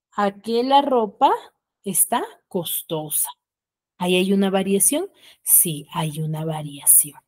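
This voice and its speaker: A woman teacher with a Peruvian Spanish accent, giving an online school lesson in an explanatory way and often ending phrases with tag questions, recorded on a computer mic. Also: medium pitch. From Peru. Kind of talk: online class lecture.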